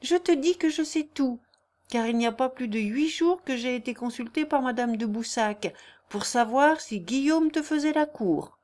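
A woman's voice: high voice, expressive, moderate pace, a little mellow, voice pushed up. A woman voicing an earnest young male lawyer who pleads tenderly and solemnly in a read-aloud novel. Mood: earnest, pleading.

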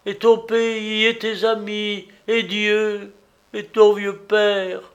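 A man doing an excitable, pleading old father. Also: sits high, slow pace, voice pushed up. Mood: imploring. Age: older. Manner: loud, exclamatory, imploring. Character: older father, gentle but excitable, pleading.

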